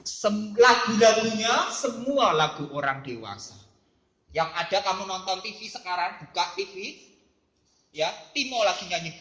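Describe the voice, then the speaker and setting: A middle-aged teacher, playfully teasing students and calling on them by name in a lively online class. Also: mid-range voice, moderate pace, roomy sound.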